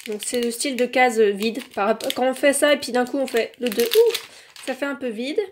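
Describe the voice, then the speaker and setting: A woman's voice: on the high side, fairly even intonation, brisk, noisy background. A woman casually reviewing toys as she unboxes them, filled with "donc" and "euh", recorded on a phone held in one hand. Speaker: toy reviewer.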